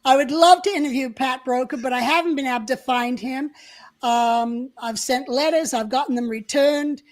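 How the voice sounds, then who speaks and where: A woman's voice: high voice, moderate pace. An older woman co-hosting a live-stream chat, telling stories from her past in a chatty way with plenty of fillers. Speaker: co-host.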